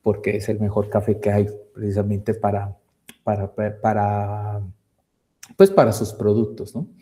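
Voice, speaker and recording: A man from Colombia offers critical feedback on a student's project over a video call. His voice is very dark and mellow, and he stumbles through restarts and repeated words as he searches for his point. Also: fairly low pitch, unhurried. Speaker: thesis committee member. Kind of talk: academic feedback.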